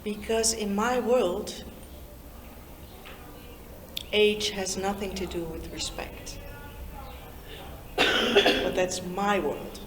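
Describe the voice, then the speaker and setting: A Dutch-born woman in her fifties talks slowly and easily, pausing often as she speaks to a room full of young people. Her voice carries a roomy echo, with a faint hum of the room behind it. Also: medium pitch. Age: 50s. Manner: slow, warm and chatty, draws in her listeners. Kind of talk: informal talk to young people. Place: meeting room in Lusaka.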